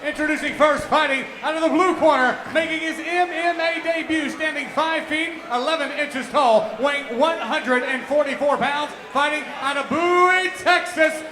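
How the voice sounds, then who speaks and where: A man working as a fight ring announcer, shouting drawn-out, formal introductions in boxing style. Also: very high voice. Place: live fight arena. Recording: echoey PA in noisy crowded arena. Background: loud crowd.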